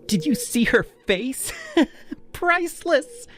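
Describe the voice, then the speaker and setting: A man doing a shrill taunting teen girl. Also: sing-song, takes it slowly, a bit bright, faint music behind, full character voice. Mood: mocking. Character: fiery mocking teenage girl.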